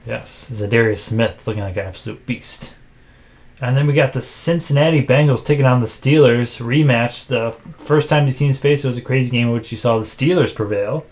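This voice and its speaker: A man co-hosting a casual sports podcast, making game picks in a dry, self-described monotone with frequent filler words. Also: medium pitch, normal speed. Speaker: podcast co-host.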